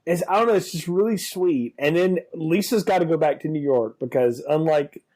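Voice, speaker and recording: A man co-hosting a film podcast, chatting casually and expressively with quick asides. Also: a little high, darkish tone. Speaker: podcast co-host. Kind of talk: casual film review chat.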